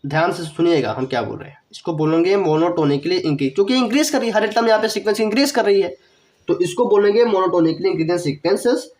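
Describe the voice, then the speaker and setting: A man's voice: high voice, lively intonation, fairly quick, a little mellow. A young man teaching math in an online lecture, a little unwell with a cough, explaining step by step, repeating key phrases and asking the viewer questions. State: has a cough, feeling unwell.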